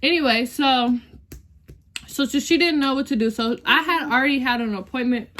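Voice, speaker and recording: A woman's voice: high voice, moderate pace, fairly bright tone. A young woman tells an emotional personal story in a casual, chatty way, often calling her viewers y'all and sometimes close to tears. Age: young adult. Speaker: vlogger.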